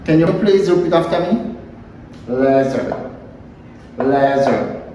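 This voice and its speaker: Slow-talking teacher, echoey room. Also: male voice, mid-range voice, animated, warm tone, distant mic, slight background noise. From Haiti. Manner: slow, repeats each word several times. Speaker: English teacher. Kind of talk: vocabulary lesson, repeating words slowly.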